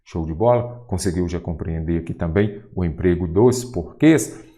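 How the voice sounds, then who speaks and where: A man's voice: low-pitched, moderate pace, dark tone. A man from Brazil teaching an exam-prep grammar lesson, asking rhetorical questions and stressing key words.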